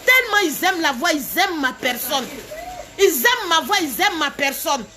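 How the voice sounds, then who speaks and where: A woman with a very high, piercing voice, talking on a live stream. She keeps repeating her phrases for emphasis and slips small laughs between them, addressing her viewers directly. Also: sing-song, normal speed. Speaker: live video host.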